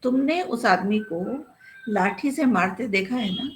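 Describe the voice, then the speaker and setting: A woman's voice: mid-range voice, lively intonation, unhurried, natural voice, low-quality recording. A woman voicing a scheming, bossy male police inspector who lectures and scolds. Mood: lecturing.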